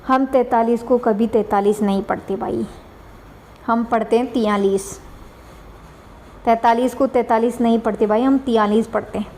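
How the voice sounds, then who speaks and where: Woman teacher, Rajasthani Hindi accent, slightly high, repetitive and chatty. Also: fairly even intonation, moderate pace, mellow, slight background noise. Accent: Rajasthani Hindi (Dhundhari). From Dhundhar region, Rajasthan. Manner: chatty, repeats words, tag questions. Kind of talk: online exam-prep lesson.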